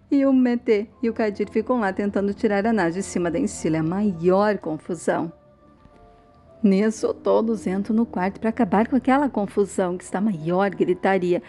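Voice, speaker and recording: Mellow-voiced woman recapping a story. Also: medium pitch, normal speed, faint music behind. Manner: plain storytelling, repeating who says what. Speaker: narrator recapping a soap opera. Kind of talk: casual spoken recap.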